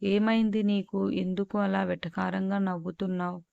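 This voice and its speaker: A woman's voice: medium pitch, moderate pace, creaky, dry recording, phone-quality sound. A woman reading as a patient, coaxing mother. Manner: calm, lecturing.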